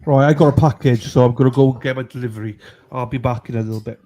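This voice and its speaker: Male livestream host, matey and irreverent, dark relaxed tone, casual chatty delivery. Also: mid-range voice, quick pace. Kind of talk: casual chat with live stream viewers.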